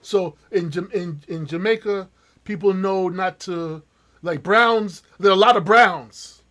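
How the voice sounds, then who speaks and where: A man with a high voice speaks slowly and deliberately, taking his time over each thought. As the podcast host, he sounds earnest and reflective and often chimes in to agree with his guest. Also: fairly bright tone. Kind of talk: casual conversation.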